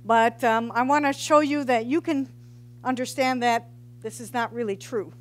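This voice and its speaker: In a spacious brick-walled hall, a geology professor in middle age talks science informally to the public over a headset mic, teasing and quizzing her listeners. She sounds a little high, with fairly even intonation and a moderate pace.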